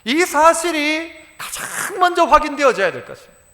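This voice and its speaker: A male pastor preaching a sermon, animated and acting out dialect dialogue. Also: very high-pitched, moderate pace. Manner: animated, quotes dialogue in dialect, shouts for emphasis. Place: church sanctuary. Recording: church sanctuary with long reverb.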